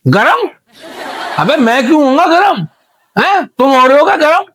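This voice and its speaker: An actor playing a deaf man in a comedy interview, who mishears every question and rambles loudly and indignantly. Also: very high voice, sing-song, moderate pace, slight background noise, heavily acted. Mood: scolding. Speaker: guest character in comedy interview. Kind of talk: comedy sketch acting.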